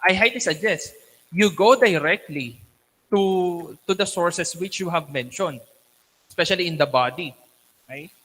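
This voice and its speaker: A man on a thesis panel, questioning critically in a deliberate, instructive academic manner. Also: high-pitched, a bit bright. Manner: deliberate, instructive, frequently checking with "okay". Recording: echoey hall with long reverb.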